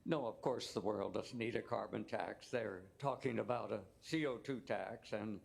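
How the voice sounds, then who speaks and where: A man's voice: fairly low pitch, moderate pace, vocal fry. A man, a physics professor, answering an interview in a matter-of-fact, dismissive way.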